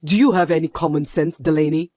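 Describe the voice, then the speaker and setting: A stern executive husband lays down the law in a firm, scolding way, as a man acts him out. His voice sits a bit high for a man and sounds close and dry. The dubbed-drama delivery stays steady. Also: fast, no echo, lightly acted. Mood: indignant.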